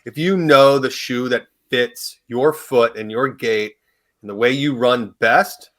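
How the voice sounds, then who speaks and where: A man co-hosting a podcast, talking in a relaxed, hesitant way with many fillers. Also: mid-range voice, takes it slowly. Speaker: podcast co-host. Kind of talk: casual chat.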